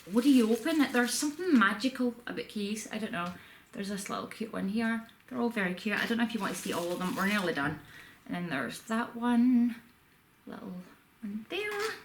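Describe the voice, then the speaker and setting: A woman vlogging from a room at home, chatting casually and rambling a little with self-deprecating asides. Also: mid-range voice. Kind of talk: casual haul video chat. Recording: echoey room with faint background noise.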